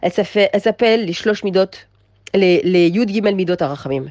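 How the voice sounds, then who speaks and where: A woman's voice: medium pitch, quick pace, no room sound, dull audio. Woman, religious teacher, inspirational talk, emphatic, repeats herself, dry close sound. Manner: emphatic, repeats phrases, swings between soft and raised. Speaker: religious teacher addressing women.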